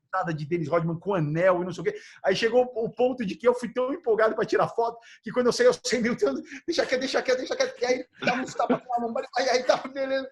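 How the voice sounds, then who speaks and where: An excitable Brazilian podcast host with a bright, high-pitched voice. He talks casually, laughs often and acts out the lines of the people in his stories. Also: fast talker. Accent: Brazilian Portuguese. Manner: animated, laughing, acts out quotes. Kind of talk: casual storytelling chat.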